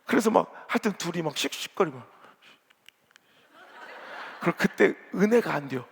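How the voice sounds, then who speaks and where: Gravelly, blunt-talking male pastor. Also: high voice, expressive, normal speed. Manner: blunt, joking, colloquial preaching. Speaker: senior pastor. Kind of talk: revival sermon. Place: large church sanctuary. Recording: long reverb of a big church hall.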